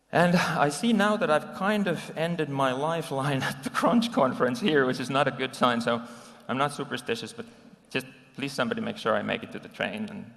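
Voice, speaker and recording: A man's voice: mid-range voice, creaky, a bit bright. A man in his forties from Finland giving a conversational conference talk with slides, with frequent ums and restarts, recorded live in a conference hall. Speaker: conference speaker.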